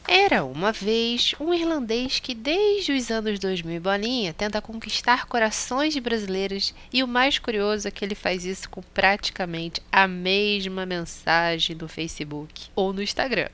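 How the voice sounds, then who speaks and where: A woman's voice: medium pitch, normal speed, few pauses, a bit bright. A woman from Brazil hosting a storytelling podcast, chatting to her listeners with frequent asides. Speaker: podcast host.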